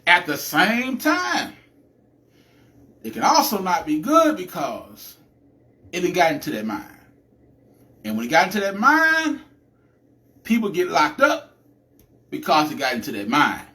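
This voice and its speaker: Animated man hosting a live podcast. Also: sits high, a little slow, long pauses. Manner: animated, chatty, preacher-like cadence with many restarts. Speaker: podcast host.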